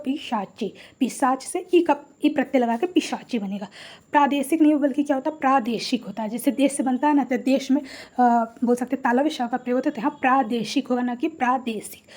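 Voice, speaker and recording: A woman's voice: high voice, dark tone. A woman teaching a Hindi grammar lesson, patiently spelling out each word and asking rhetorical questions.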